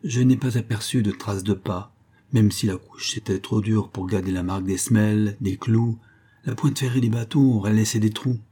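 A man's voice: on the low side, moderate pace, mellow, husky. A man voicing a confident adult male chief mountain guide in a read-aloud story, explaining things in a practical, reassuring way. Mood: earnest.

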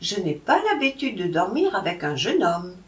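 A woman's voice: medium pitch, very animated, normal speed, lightly acted. A woman reading aloud, voicing a giggly naive young girl who asks blunt, innocent questions. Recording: roomy, from a distance.

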